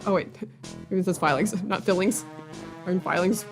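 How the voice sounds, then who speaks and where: A woman's voice: fairly low pitch, moderate pace. A woman hosting a let's-play, reading game dialogue aloud and commenting in a dry, casual way. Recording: music playing behind the voice.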